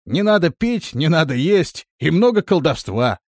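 A shrill, boastful chatterbox. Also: male voice, normal speed, no echo, studio quality. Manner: loud, excited, boastful. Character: boastful cheerful talkative man, leader's sidekick.

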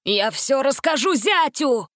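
Woman doing a shrill, blustering bandit chief. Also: animated, measured pace, fairly bright tone, dry recording, clean studio sound. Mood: bossy, panicked. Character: bullying male bandit leader, easily scared. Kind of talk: storybook reading.

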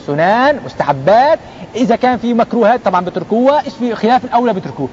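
A man giving a colloquial religious lesson to young people, lively and acting out the people he quotes. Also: lo-fi sound, a little hiss or hum. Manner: animated, mimics people in quoted lines with jumps in pitch. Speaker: preacher.

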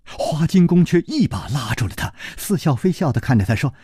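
A man narrating a story in a traditional Chinese oral storytelling style, dramatic and expressive. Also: brisk, husky, no room sound, clean studio sound. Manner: expressive, dramatic pitch swings.

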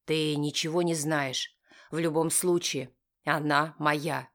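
Woman doing a low, curt young man. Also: steady tone, takes it slowly. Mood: cold, firm. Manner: dry, firm, low-voiced. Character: confident protective young man, cool and curt.

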